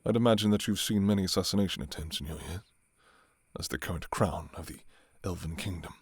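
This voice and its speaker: A man playing a courtly, restrained vampire king in an intimate ASMR role-play, speaking formally and softly with some hesitation. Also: low-pitched, a little fast, husky, no room sound, clean studio sound. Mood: earnest, admiring. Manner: formal, archaic, hesitant, soft-spoken. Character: courtly adult male vampire king, restrained, yearning for his enemy.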